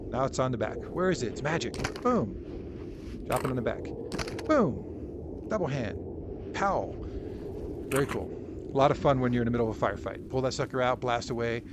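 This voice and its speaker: A man giving casual, rambling VR gameplay commentary, joking and poking fun at himself, in a noisy recording. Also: mid-range voice. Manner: rambling, joking, self-deprecating. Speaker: VR game video creator.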